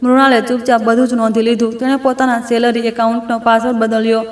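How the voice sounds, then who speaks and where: Woman, storyteller, scripted family story, steady monotone, echoey room. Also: a little high, fast talker, faint music behind.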